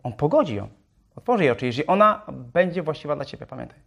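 A man's voice: fairly high pitch, very animated, fast talker, vocal fry, fairly bright tone, husky. A man preaching a sermon, firing rhetorical questions at his congregation. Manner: self-described talker.

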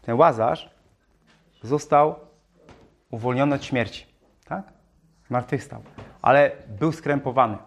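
A man's voice: mid-range voice, slow pace, gravelly, long pauses, slightly rough. A man preaching a sermon, reading Bible verses aloud and explaining them, often asking his listeners questions and repeating phrases.

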